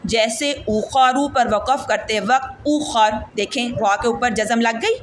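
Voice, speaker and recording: A woman with a Pakistani Urdu accent leads an online Quran reading lesson in a fairly high voice. She drills letters and vowel marks one by one and keeps quizzing her pupils, patient and repetitive. A faint hiss sits under the recording. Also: fairly even intonation. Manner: patient, repeats and asks the class questions. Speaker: Quran recitation teacher.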